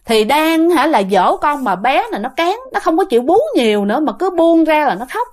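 A woman's voice: high voice, big pitch swings, fairly quick, darkish tone. A woman narrating a ghost story in a chatty way, speaking straight to her listeners. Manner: chatty, talks to listeners directly.

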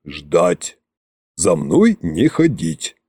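A man voicing an old immortal sorcerer king who speaks slowly and domineeringly. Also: sing-song, warm tone, breathy edge, dry recording, studio quality, heavily acted. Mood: commanding. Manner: slow, low, domineering.

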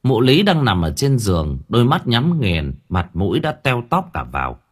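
A man narrating a serialized novel for an audiobook in an expressive storytelling manner. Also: medium pitch, moderate pace, breathy edge.

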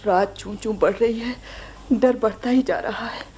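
A woman's voice: on the high side, unhurried, noisy background, natural voice. A woman playing an anxious, pious older aunt in a radio drama, pleading and fretful. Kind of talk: vintage radio drama acting.

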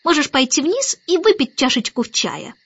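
A fussy old starling, male and a little pompous, chatters along in a condescending way and grows sentimental, as a woman puts him on for a storybook. The voice sits fairly high, and the recording is dry, close and slightly muffled. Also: very animated, normal speed, fairly bright tone, no echo, heavily acted. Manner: chattering, condescending, rasping whisper at times.

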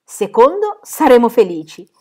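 A woman's voice: on the high side, big pitch swings, normal speed, mellow, pitched above the performer's own voice. A woman reading an audiobook, voicing an outspoken young sister who talks bluntly and playfully. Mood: lively.

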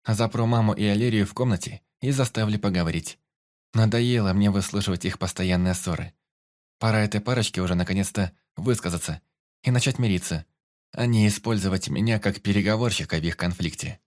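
A man's voice: fairly low pitch, fairly quick, a little mellow, lightly acted. A feisty young woman speaks with wry exasperation, as a male audiobook reader plays her. The voice stays close to his own, with a smirking edge.

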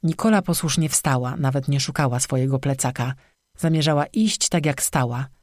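An audiobook narrator reading a scripted horror story in an even, steady manner. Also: mid-range voice, moderate pace, no echo, studio quality.

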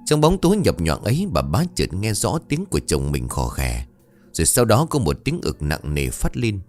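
A man reading a ghost story aloud as a scripted narration, dramatic and expressive. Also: sits low, normal speed, faint music behind.

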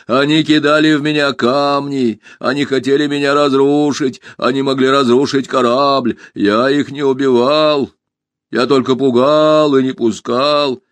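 Man voicing a stubborn dutiful ship robot, storybook, slow deliberate words, raised pitch, louder, dry sound. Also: steady tone, dry recording, natural voice. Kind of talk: storybook reading.

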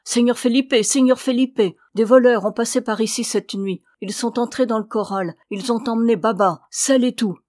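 An old crippled manservant bursts out in alarm, as a woman puts him on in an audiobook reading. He shouts in a raised, loud voice. The sound is close and dry. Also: a little high, moderate pace, few pauses, dry recording, voice pushed up, lightly acted. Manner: shouting excitedly.

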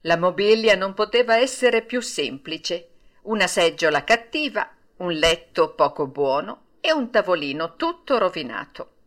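Expressive woman reading a storybook. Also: lowish voice, a little slow. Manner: expressive, swooping intonation. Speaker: audiobook reader. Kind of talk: storybook narration.

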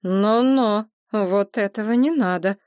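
A woman voicing a practical, sharp-tongued woman who speaks curtly and commandingly. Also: high-pitched, very animated, no room sound, studio quality, voice pushed up. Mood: stern. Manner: curt, brisk, commanding.

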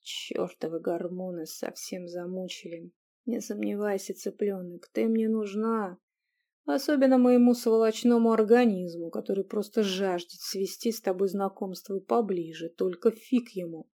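A woman voicing a teasing, bossy young man who talks in a brash, mock-gruff way. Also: medium pitch, steady tone, unhurried, dark tone. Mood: grumbling.

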